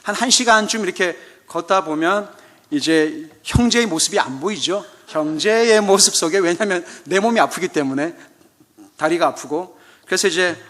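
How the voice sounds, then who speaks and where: A man's voice: high-pitched, normal speed, fairly bright tone. A man preaching a sermon as a missionary, telling a story and acting out church members' chatter with humor. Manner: humorous, asks the audience "그죠?". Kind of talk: sermon at an evening church service. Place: church sanctuary.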